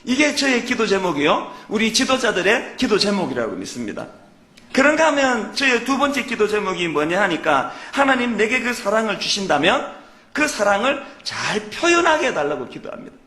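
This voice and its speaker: A man delivers a sermon from the pulpit. His voice sits high and swings widely in pitch, earnest and emphatic. The sound carries the echo of a church hall. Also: sing-song, moderate pace, bright, forceful tone. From Gyeongsang, South Korea. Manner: earnest, emphatic preaching with rhetorical questions. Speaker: pastor. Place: church sanctuary.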